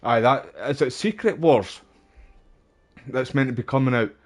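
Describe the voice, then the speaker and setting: A man's voice: mid-range voice, moderate pace. A man with a Glasgow street accent giving casual, rambling gameplay commentary, full of cheeky slang and swearing. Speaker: gaming streamer.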